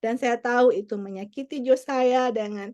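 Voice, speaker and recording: A woman's voice: a little high, normal speed, warm tone. A woman preaching a sermon, earnest and repetitive, mixing English phrases into her teaching. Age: adult parent. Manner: earnest, repeats key points.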